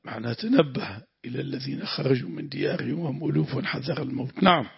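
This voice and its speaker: Sheikh, gravelly husky voice, lesson with prayers, dull lo-fi sound. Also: male voice, medium pitch, fast talker, dry recording. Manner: explains grammar, breaks into prayers. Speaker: sheikh teaching tafsir. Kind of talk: religious lesson with supplications.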